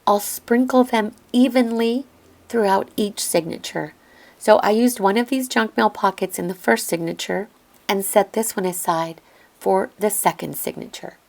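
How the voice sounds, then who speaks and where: A woman hosts a crafting tutorial, narrating a calm instructional voice-over that was recorded separately from the video. Her mid-range voice is raspy and a little hoarse from a lingering cough, with a gravelly edge. She moves at an unhurried pace, pausing to think aloud while gently and patiently explaining each step.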